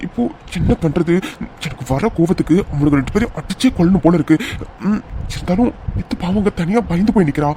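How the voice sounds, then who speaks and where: A man's voice: sits high, expressive, fast talker, few pauses, dark tone, a little hiss or hum. A man voicing a protective, hot-tempered young man in a cartoon, talking urgently and anxiously. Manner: urgent, pleading, worried. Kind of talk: cartoon voice acting.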